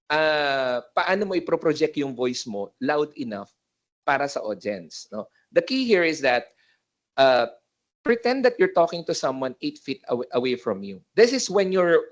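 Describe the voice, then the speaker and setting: A man with a Filipino accent giving a seminar on event hosting into a handheld mic, mixing languages, with many tag questions and live demonstrations of voice technique. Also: mid-range voice. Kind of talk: Taglish lecture. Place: seminar room with live audience. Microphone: handheld microphone.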